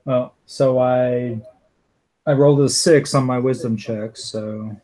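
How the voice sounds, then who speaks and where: A man playing a tabletop game, thinking aloud in a slow, deliberate way. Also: medium pitch, fairly even intonation, warm tone, poor audio. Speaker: player. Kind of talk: casual tabletop game play.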